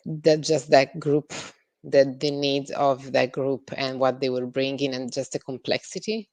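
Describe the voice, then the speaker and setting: An Italian psychologist answers interview questions hesitantly, filling her speech with ums and uhs. Her very deep voice is level and a little mellow at a measured pace, recorded with no room sound.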